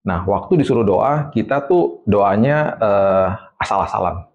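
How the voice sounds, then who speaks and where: A middle-aged man, an evangelist, telling stories as a guest in a casual interview, in a lively, animated way. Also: on the low side, unhurried, phone-quality sound, slight background noise.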